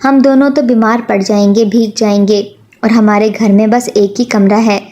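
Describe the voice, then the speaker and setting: A woman voicing a gentle rickshaw-driver father who speaks patiently and pleadingly. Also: medium pitch, fairly even intonation, lightly acted.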